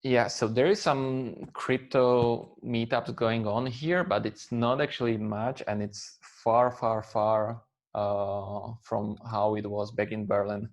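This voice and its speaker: This is a fairly low-pitched male voice with fairly even intonation, belonging to a Slovak guest in his thirties. He answers in English during a conversational interview, hesitating often with fillers and false starts.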